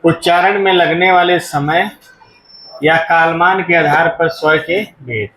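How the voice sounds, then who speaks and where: A man's voice: fairly high pitch, takes it slowly, noisy background. A male teacher giving a grammar lesson in a classroom. He asks the class questions and often answers them himself, repeating the key terms. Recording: echoey classroom.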